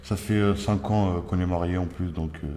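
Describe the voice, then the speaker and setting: A man's voice: sits low, steady tone, fairly quick, dark tone, roomy sound, a little hiss or hum, close to an everyday voice. A man playing a young husband questioned by the gendarmes, hesitant and full of fillers. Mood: tender. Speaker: suspect. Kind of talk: amateur acted interrogation.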